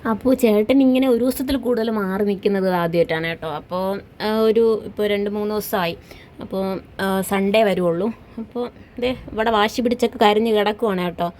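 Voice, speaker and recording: A woman's voice: medium pitch, moderate pace, a little mellow. A woman, chatting casually in a home family vlog as a mother, tagging her sentences with a friendly "kettō". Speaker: vlogger, mother.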